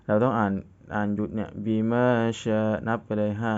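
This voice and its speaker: Low, flat-voiced man teaching recitation. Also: a little fast, lo-fi sound. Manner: recites a phrase, then breaks it down patiently. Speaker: Quran reading teacher. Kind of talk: step-by-step recitation lesson.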